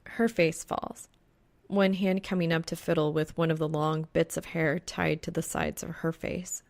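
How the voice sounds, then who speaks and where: Her pitch barely moves as she narrates a scripted fan fiction audiobook at a moderate pace. The woman's voice sits a bit low and carries a noticeable creak.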